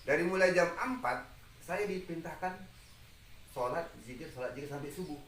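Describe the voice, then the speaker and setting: A man's voice: fairly high pitch, moderate pace, a bit bright. A man in his forties telling an interviewer about his own experiences in an earnest storytelling manner. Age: 40s. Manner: earnest storytelling, acts out quoted dialogue. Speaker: interview guest. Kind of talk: recounting personal experiences. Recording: echoey, far from mic, noisy.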